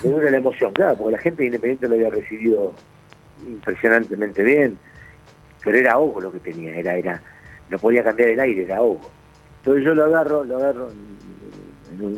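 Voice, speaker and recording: A man's voice: lowish voice, quick pace, slightly rough, muffled recording, soft background music. A man with an Argentine accent, a former footballer telling stories as a radio guest, full of restarts and repeated words. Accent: Argentine Spanish. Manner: animated anecdotes, many restarts and repetitions. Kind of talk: radio storytelling.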